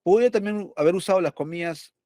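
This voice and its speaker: A man's voice: sits high, fast talker, a little mellow, no room sound, clean studio sound. A male teacher going over test questions, explaining step by step and asking and answering his own questions.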